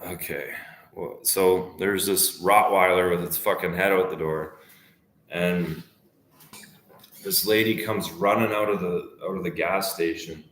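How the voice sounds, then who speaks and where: A man in his twenties with a deep, low voice rambles to the camera. His talk is profane and loose, often trailing off mid-thought. The sound carries the echo of a reverberant room. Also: fairly even intonation, a little slow, a bit bright. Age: 20s. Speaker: vlogger. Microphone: camera facing speaker. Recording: echoey room.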